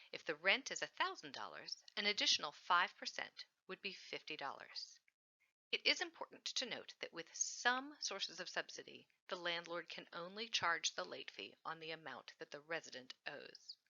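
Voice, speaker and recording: A woman narrating a scripted training lesson on renting, clear and instructive, stressing key words. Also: fairly low pitch, sharp tone, highs cut off. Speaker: housing program trainer.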